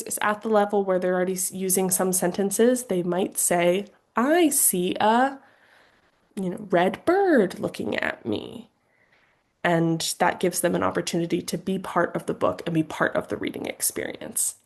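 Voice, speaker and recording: A woman educator showing parents how to read aloud to toddlers, with slow, sing-song reading and big playful leaps in pitch, recorded on a webcam. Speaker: early childhood educator. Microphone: webcam on a video call.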